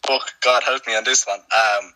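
A man with an Irish accent answering quiz questions on a podcast, hesitant and halting as he searches for words. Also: lowish voice, fairly even intonation, pushed and bright, rough recording. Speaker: quiz contestant.

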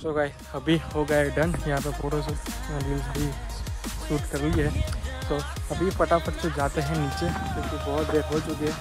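A young man vlogs outdoors on a temple hill, speaking to a handheld camera in a loose, conversational way. His voice sits slightly high and stays fairly level. Music plays steadily under his talk. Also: level tone, moderate pace. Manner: chatty, addresses viewers as guys, mixes in English words. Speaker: travel vlogger. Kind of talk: casual walking vlog to camera. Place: outdoors on a hilltop temple trail.

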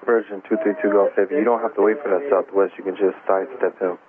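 Man, ground controller, radio, lowish monotone, matter-of-fact, procedural, tinny signal. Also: fast. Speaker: ground air traffic controller. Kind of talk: air traffic control radio instructions. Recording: narrow, slightly noisy aviation radio.

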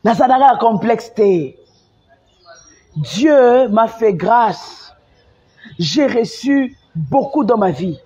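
Une femme avec un accent congolais qui s'emporte en direct sur son live, répète ses phrases avec insistance et passe du français au lingala. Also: female voice, fairly high pitch, lively intonation, drawn-out words, pauses often, warm tone, breathy edge. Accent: Congolese French. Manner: emphatic and repetitive, mixing French with Lingala. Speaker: live-stream host. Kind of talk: impassioned live-stream rant. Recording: dull lo-fi sound.

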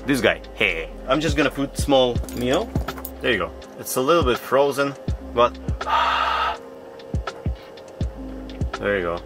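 A man in his thirties talking to camera from an ice-fishing tent, in broken non-native English and breaking into excited exclamations. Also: medium pitch, measured pace, pauses often, over loud music. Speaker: fishing vlogger. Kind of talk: casual vlog narration to camera. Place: inside an ice-fishing tent on a frozen lake. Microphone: action camera mounted in the tent.

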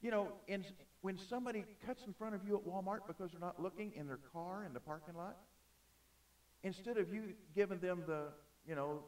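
A man preaching a sermon in an auditorium, emphatic, swinging between loud and soft. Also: high voice, a little fast, far from the mic. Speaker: pastor.

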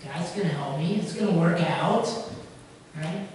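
A man's voice: on the high side, unhurried, darkish tone, slight background noise. A man giving a conversational sermon as a pastor, rambling a little, with restarts and asides to the congregation. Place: church sanctuary. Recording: echoey church from a distance.

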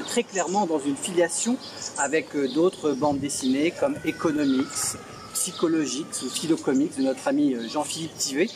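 A man in his forties presenting a book straight to camera, earnest and pausing often on "euh", seated on a bench in a small outdoor garden. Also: fairly high pitch, noisy background. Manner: earnest, with frequent "euh" pauses. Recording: outdoor garden with loud birdsong. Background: birdsong.

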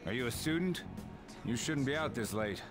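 A man's voice: medium pitch, expressive, normal speed, music in the background, natural voice. A man playing a suspicious police officer in a video game, questioning with authority. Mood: stern. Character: suspicious adult male patrolling police officer. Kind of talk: English video game voice acting.

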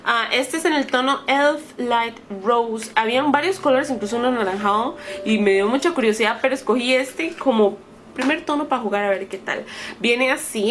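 A woman in her thirties talks through a makeup try-on for her channel in a relaxed, chatty way. Her voice sits a bit high, and she keeps correcting herself as she addresses her viewers. A faint background hum runs under her speech. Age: 30s. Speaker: beauty vlogger. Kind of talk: casual makeup try-on chat to camera.

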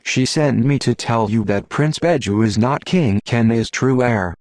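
A man voicing a calm, patient Jedi master in an audiobook, speaking quietly and firmly. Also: medium pitch, dry recording, close to an everyday voice. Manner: quiet, firm and measured.

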